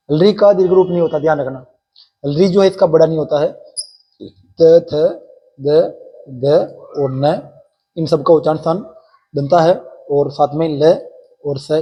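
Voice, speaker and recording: Husky male teacher quizzing his students. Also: a little high, mellow, low-quality recording. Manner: explains step by step, quizzes students with repeated questions. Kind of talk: exam-prep Sanskrit lesson.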